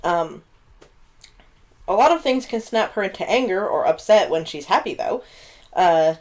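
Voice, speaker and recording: A woman's voice: mid-range voice, animated, normal speed. A woman co-hosting a podcast, chatting casually about tabletop game characters with plenty of fillers. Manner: chatty, warm, frequent fillers and laughs. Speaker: podcast co-host.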